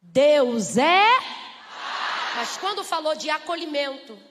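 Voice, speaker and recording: A Brazilian woman preaching a lively church sermon, asking the congregation rhetorical questions and acting out little scenes. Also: high voice, takes it slowly, slight background noise. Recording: reverberant church hall.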